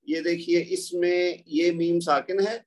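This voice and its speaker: A man teaching a recorded lesson in a patient, explaining way, with a Pakistani Urdu accent. He stops often to recite the examples slowly. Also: high-pitched, steady tone.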